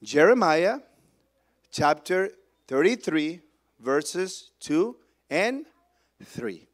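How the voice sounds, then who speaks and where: A male pastor preaching a sermon, swinging between loud proclamation and hushed storytelling. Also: a little high, expressive, measured pace.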